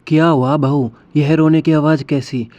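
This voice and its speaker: A man's voice: fairly high pitch, fairly even intonation, normal speed, a little mellow, muffled recording, lightly acted. A man voicing a worried old mother-in-law. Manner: anxious, pleading, motherly.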